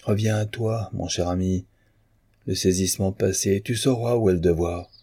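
A man's voice: low-pitched, steady tone, normal speed, warm tone, slightly rough, no echo, studio quality. A man voicing an earnest, principled man in an audiobook of a novel, pleading and stern.

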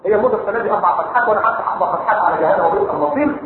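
A man playing a stubborn, fashion-obsessed middle-aged wife who scolds her husband, in a shrill Egyptian Arabic voice, recorded in an echoey hall with thin phone-like sound. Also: lively intonation, very fast, noisy background. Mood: dismissive scolding.

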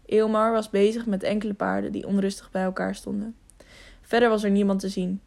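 A woman narrates an adventure novel for an audiobook in a steady, even reading voice. Her tone sits in a middle pitch with a noticeable gravelly fry. She occasionally stumbles and restarts a word before carrying on. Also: brisk.

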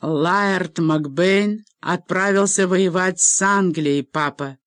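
A woman's voice: on the low side, slow pace, dry recording. A woman reading aloud and voicing a frightened young woman who answers her father timidly and pleads with him.

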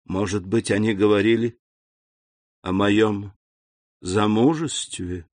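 A man's voice: medium pitch, animated, moderate pace, dry recording, pitched above the performer's own voice, lightly acted. A man reading an audiobook, voicing an anxious young woman who pleads with her grandfather. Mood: hushed.

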